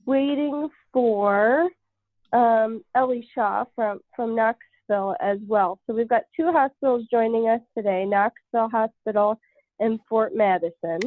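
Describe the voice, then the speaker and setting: A woman with a cold and a nasal voice, leading a conference call from home on her iPad, talking in a halting way with many pauses. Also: fairly high pitch, no echo. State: congested with a cold. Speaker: call facilitator. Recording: dry, tinny phone-like call line.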